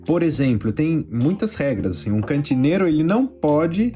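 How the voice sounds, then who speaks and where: A man co-hosting a casual podcast about cocktails, explaining things in a relaxed, chatty way. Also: fairly high pitch, moderate pace, faint music behind. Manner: relaxed, explanatory, many fillers. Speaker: podcast co-host, bartender.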